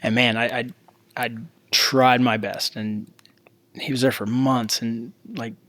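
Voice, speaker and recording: A man hosting a podcast, telling a coaching story in a casual, animated way, laughing often. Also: mid-range voice, measured pace. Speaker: podcast host and jiu-jitsu coach.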